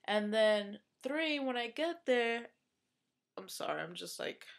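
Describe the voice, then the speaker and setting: A woman's voice: a little high, animated, takes it slowly, vocal fry. A young woman from the United States in a casual vlog, venting with frustration, swearing and using lots of fillers, with a runny nose. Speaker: vlogger.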